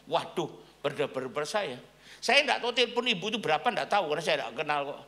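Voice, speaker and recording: Middle-aged man, pastor, lively high-pitched sermon delivery, asks the congregation questions. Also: quick pace. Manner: animated storytelling preacher, asks the congregation questions.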